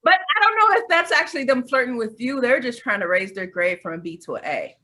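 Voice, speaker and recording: A woman co-hosting a casual podcast, cutting in with quick teasing remarks and laughs. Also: on the high side, lively intonation, pushed and bright. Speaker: podcast co-host, scientist. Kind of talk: casual chat.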